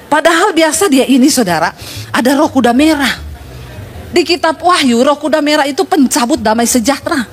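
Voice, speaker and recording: A woman pastor with a high voice preaching to her congregation. She tells stories with humor and speaks straight to her listeners. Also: lively intonation, fairly quick. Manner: humorous storytelling, addresses congregation. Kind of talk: sermon.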